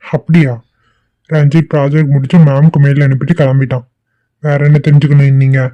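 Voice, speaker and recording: A man's voice: fairly high pitch, flat delivery, brisk, lightly acted. A man voicing a strict, scolding male boss in a cartoon, who talks in a stern, bossy way. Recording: dull lo-fi dry recording.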